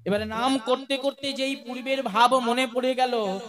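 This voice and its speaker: A man's voice: very high voice, fairly even intonation, moderate pace. A man leading a devotional kirtan, singing chants and preaching between them, coaxing the crowd to chant along. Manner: leads call-and-response chanting, coaxes the crowd. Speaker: kirtan singer. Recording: live with loud music. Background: tabla and harmonium music.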